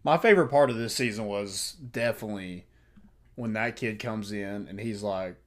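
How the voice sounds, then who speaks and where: A man's voice: lowish voice, moderate pace. A man in casual sports chat, rambling with lots of fillers and strong opinions.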